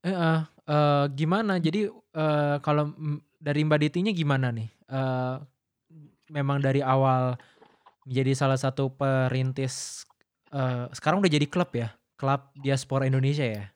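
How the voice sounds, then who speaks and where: A man's voice: mid-range voice, steady tone, moderate pace, clear, resonant tone, dry recording, clean studio sound. An Indonesian man hosting a podcast, who laughs easily and lays out his questions point by point. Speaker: podcast host. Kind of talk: casual interview.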